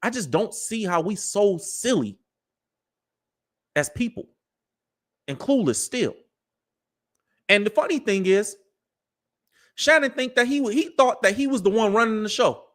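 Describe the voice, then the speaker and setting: A man in his early thirties hosts a live commentary show in a high voice, addressing listeners directly with preachy lecturing and lots of street slang. He speaks a little slowly with lively intonation and frequent pauses, his tone a bit bright.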